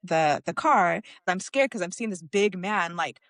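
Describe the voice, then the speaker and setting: A woman's voice: on the low side, a little slow, no echo. Candid woman telling a story, dry sound. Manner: candid, animated storyteller with frequent "like" fillers. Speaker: podcast co-host. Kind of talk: casual conversational storytelling.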